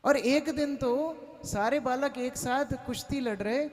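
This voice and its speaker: A male storyteller telling a scripture story in a lively, dramatized way. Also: extremely high pitch, a little slow. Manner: animated, acting out scenes. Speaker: Bhagavat Katha storyteller. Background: flute music.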